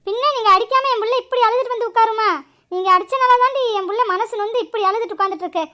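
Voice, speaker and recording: A bossy old grandmother in a family cartoon, voiced by a woman. She nags and scolds everyone with a very high, piercing voice. Her temper flares quickly at her daughter-in-law. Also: bright, forceful tone. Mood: scolding. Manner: scolding, nagging.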